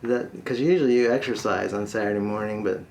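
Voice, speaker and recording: A man hosting a comedy show, telling a joke story in a folksy, drawn-out manner. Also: on the low side, fairly even intonation, darkish tone.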